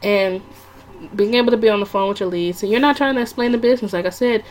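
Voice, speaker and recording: A woman's voice: mid-range voice, fast talker, darkish tone, slight background noise. A woman talking casually to her viewers, chatty and rambling, with lots of fillers and restarts. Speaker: vlogger giving sales tips. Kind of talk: casual talk to camera.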